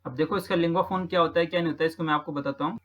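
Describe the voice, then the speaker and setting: A man's voice: fairly high pitch, steady tone, rapid-fire, a bit bright, lo-fi sound. A man from Rajasthan who teaches, patiently talking through practice exam questions and repeating each answer with frequent check-ins. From Rajasthan, India.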